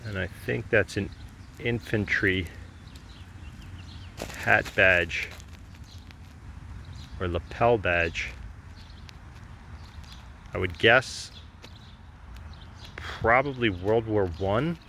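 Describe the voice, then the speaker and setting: Faint outdoor noise sits behind a man with a fairly low voice. He narrates casually like a hobbyist vlogger out in the field. His delivery is a bit tentative, as if thinking aloud. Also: drawn-out words, pauses often, pushed and bright. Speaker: metal detecting hobbyist showing finds. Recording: clear outdoor background noise.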